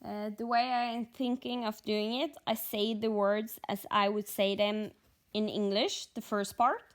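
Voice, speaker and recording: A Norwegian woman with a Norwegian accent explaining her stitching in an unhurried, methodical way, sleepy after only a few hours of sleep. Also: medium pitch, level tone. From Norway. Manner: unhurried, methodical, pauses between words while stitching. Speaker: cross-stitch vlogger. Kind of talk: slow stitch-along commentary.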